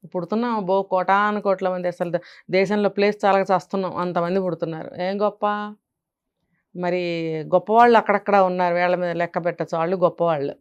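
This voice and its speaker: A woman's voice: on the low side, steady tone, fast talker, clear, resonant tone, muffled recording. A woman with a Telugu accent, a guest speaker giving emphatic parenting advice in an interview, often asking rhetorical questions.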